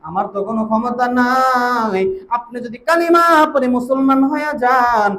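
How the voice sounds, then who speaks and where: High-voiced chanting Bengali preacher. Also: male voice, moderate pace. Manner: chanting, sing-song delivery with loud exclamations. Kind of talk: Bengali waz sermon storytelling.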